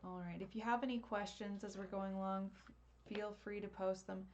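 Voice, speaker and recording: A woman giving a live colored pencil drawing tutorial over a webcam, chatty and quick to laugh at herself. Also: medium pitch, fairly even intonation, a little hiss or hum. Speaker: art teacher.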